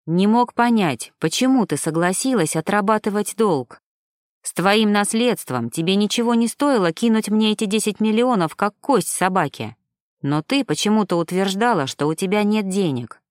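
A woman reading an audiobook, voicing a tender, devoted young man in a lowered, doting voice. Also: animated, moderate pace, no echo, studio quality, close to an everyday voice. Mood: earnest.

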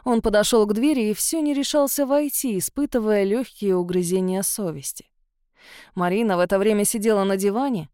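A woman reads an audiobook in an expressive storytelling manner. Her voice is mellow and middle in pitch, recorded close on a dry mic. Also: clean tone, no echo. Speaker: narrator. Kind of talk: audiobook narration.

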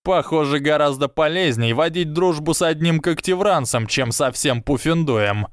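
A man's voice: a little high, expressive, moderate pace, smooth, no echo, clean studio sound, voice pushed up, close to an everyday voice. A man voicing an arrogant, scheming schoolboy wizard who drawls and mocks. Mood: mocking. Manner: drawling, mocking.

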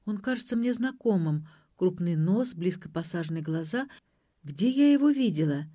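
A woman voicing an excitable young woman who grows loud and indignant. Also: moderate pace, no echo, studio quality. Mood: puzzled. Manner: high, agitated, loud.

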